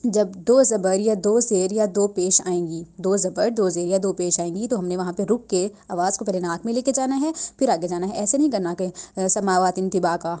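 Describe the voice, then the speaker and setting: A young woman leads a slow tajweed lesson, with a soft, mellow voice. She repeats each sound patiently and stretches words out to show how they are said. Her pitch sits at an ordinary middle height. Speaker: Quran recitation teacher.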